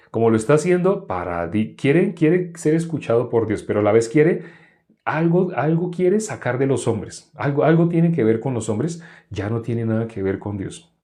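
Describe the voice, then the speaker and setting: A man's voice: on the low side, dark tone. A man preaching a sermon in an earnest, repetitive way, often asking the congregation questions.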